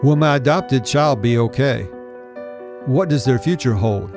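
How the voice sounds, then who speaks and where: A man's voice: medium pitch, measured pace, music in the background. A middle-aged man hosting a podcast interview and reading an earnest, welcoming introduction. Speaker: podcast host.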